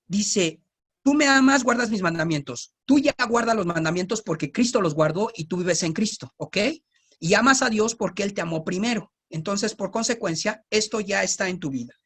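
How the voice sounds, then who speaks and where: Mexico City man teaching the Bible casually. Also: high-pitched. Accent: Mexico City Spanish. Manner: informal, joking asides, frequent tag questions.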